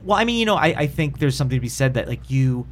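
A woman's voice: rumbling low, sing-song, fast, heavy background noise. A woman hosting a casual chat, enthusiastic and a little rambling. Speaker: host.

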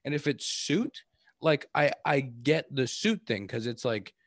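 A man in casual podcast chat who talks haltingly and circles back over his words. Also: mid-range voice, lively intonation, dry recording, studio quality. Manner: halting, repeats himself. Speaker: professional baseball player.

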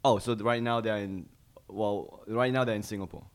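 Low-voiced Malaysian-born man telling stories. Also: steady tone, moderate pace, smooth. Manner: rambling storyteller with many fillers and restarts. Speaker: guest comedian. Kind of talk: casual podcast interview.

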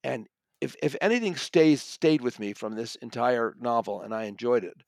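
A creaky, medium-pitched male voice at normal speed belongs to an audiobook reviewer and magazine contributor. He is conversational, thoughtful and emphatic, regularly correcting himself, and the recording is dry.

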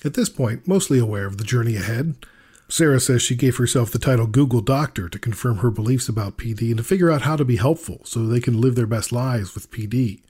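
A man's voice: medium pitch, brisk, a little mellow, husky. A man hosting a podcast, reading narration and chatting with his guests in a blunt, encouraging way. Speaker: podcast host. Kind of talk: scripted narration and interview chat.

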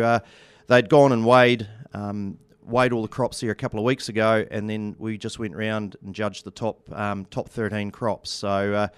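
A New Zealand man speaking as a studio guest in a casual radio interview, with halting, understated, colloquial delivery. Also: mid-range voice, clear, resonant tone, no echo. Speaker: studio guest, agricultural seed company representative.

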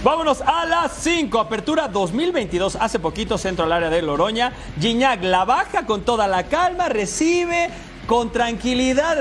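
A man hosting a sports show, calling goal highlights in fast, excited, exclamatory commentary. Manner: exclamatory, emphatic.

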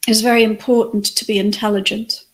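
Woman with a lilt, chatting softly as a guest, kinda high voice. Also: level tone, quick pace. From England. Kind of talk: conversational interview.

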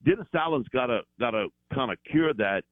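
A man calling in as a football analyst, talking in an animated, rambling way with fillers over a phone line. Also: medium pitch, a little fast, dry recording.

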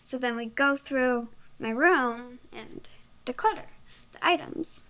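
A guest giving short, hesitant answers full of fillers in a casual chat. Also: female voice, high-pitched, takes it slowly, fairly bright tone, smooth.

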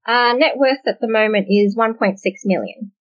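A woman from Australia in her late twenties or thirties, chatting as an interview guest in a relaxed, hesitant way with many ums. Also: a little high, normal speed. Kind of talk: casual interview chat. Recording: muffled, dull audio.

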